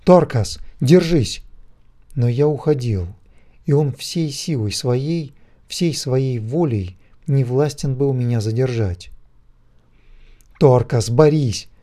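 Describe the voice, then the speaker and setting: A man narrating a dark fantasy audiobook in a measured, rhythmic storytelling manner. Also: medium pitch.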